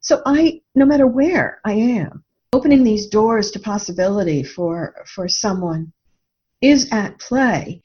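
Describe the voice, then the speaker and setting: Speaking a little slowly in an expressive, slightly mellow mid-range voice, a middle-aged life coach reflects as a podcast guest. She is earnest and thoughtful, drawing on anecdotes from experience, and the lo-fi sound is dull.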